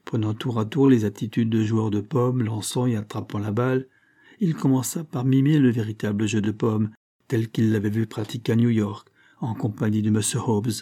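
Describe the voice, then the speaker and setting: A man narrating a classic children's novel as an audiobook, in a measured storytelling voice. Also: lowish voice, fairly even intonation, mellow.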